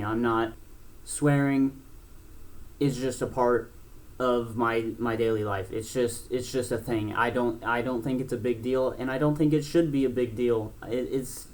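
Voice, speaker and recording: A man's voice: mid-range voice, a little mellow. A man in his twenties, a gaming YouTuber, talking casually and bluntly to camera, rambling with many restarts and fillers. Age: 20s. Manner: blunt and frank, swears.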